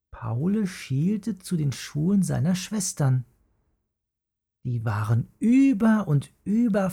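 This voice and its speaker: A narrator reading a children's story aloud in an expressive storybook manner. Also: mid-range voice, creaky, breathy edge.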